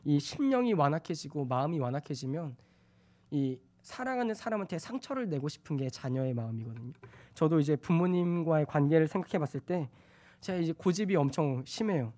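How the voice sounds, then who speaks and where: A young man delivers a sermon in a notably high voice. He reads scripture loudly and forcefully, then drops to soft, confiding tones as he acts out tender words. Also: expressive, brisk. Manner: swings from loud scripture reading to soft, hushed confiding; acts out his own angry and tender words in quotes. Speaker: preacher.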